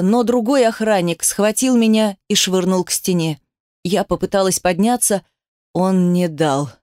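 A woman's voice: medium pitch, a little mellow, no echo. Woman narrating a tense audiobook, dry. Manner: tense, emotional storytelling. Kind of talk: dramatic first-person audiobook narration.

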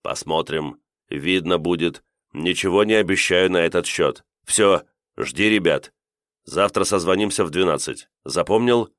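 A man voicing a gruff, growling KGB chief. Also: low-pitched, a little slow, fairly bright tone, no echo, studio quality. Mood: curt. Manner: curt, commanding, growling. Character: gruff irritated male KGB chairman on the phone. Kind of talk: audiobook character voice.

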